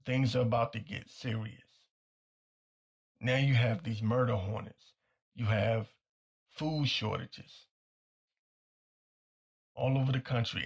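Hoarse almost to the point of losing his voice, a male podcast host runs a talk-show monologue of blunt, insistent commentary that circles back over the same points. He speaks at a medium pitch.

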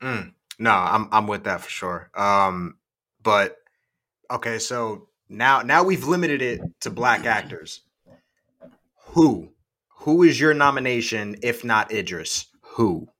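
Easygoing young man, bright tense voice. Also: lowish voice, animated, slow. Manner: easygoing, agreeable, laughs easily. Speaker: podcast co-host. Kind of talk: casual chat.

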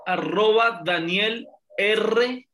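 A man's voice: high-pitched, extremely slow, bright, forceful tone, a little hiss or hum. A man with a Colombian accent, explaining political points emphatically as a podcast guest.

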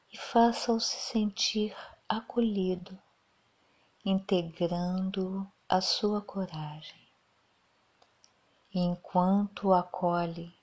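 A woman guides a meditation at an unhurried, drawn-out pace, her voice soft and soothing. She sits a little low in pitch and often drops into breathy half-whispers.

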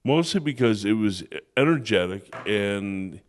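A man's voice: on the low side, lively intonation, unhurried. A man co-hosting a podcast in casual chat, enthusiastic and effusive about what he likes. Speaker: podcast co-host.

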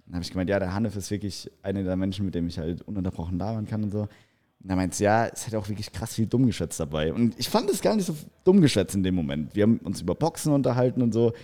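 Young guy with a low mellow voice, slangy rambling podcast chat. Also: animated, fast talker. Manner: rambling, slangy, laughs often. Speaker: podcast co-host. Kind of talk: casual chat.

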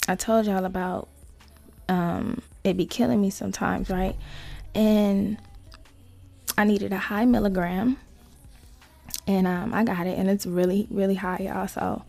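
A woman hosting a casual solo podcast, talking to listeners in slangy, sweary asides with creaky vocal fry. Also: medium pitch, fairly even intonation, unhurried, long pauses, a little mellow. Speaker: podcast host.

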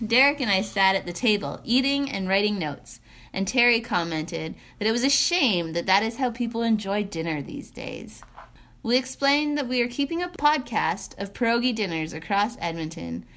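A woman's voice: mid-range voice, lively intonation, normal speed, fairly bright tone. A young woman co-hosting a podcast who tells of a dinner outing in a dry, wry way. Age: young adult. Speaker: podcast co-host.

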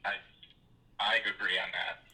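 A man's voice: lowish voice, little pitch movement, measured pace, pushed and bright, rough recording. A man calling into a podcast, heard over a phone on speakerphone, chatting casually and joking in a playfully defensive way. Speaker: caller on a podcast. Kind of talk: casual chat.

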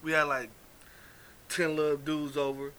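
Bright high-voiced man with faint hiss. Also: measured pace. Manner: animated, acts out scolding voices. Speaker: co-host. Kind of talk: casual radio show chat.

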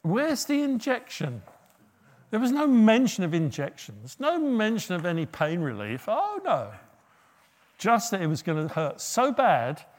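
A middle-aged man preaching a sermon, humorous and often asking his listeners questions. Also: a little high.

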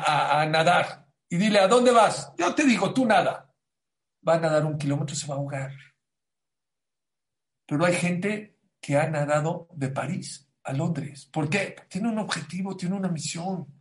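A man giving a Torah class as a sermon, animated and preacherly, rising to loud emphatic bursts. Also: fairly high pitch.

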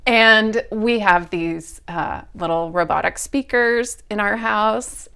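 A woman podcast host telling a story in a casual way, acting out both sides of a quarrel with lively energy. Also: mid-range voice, gravelly.

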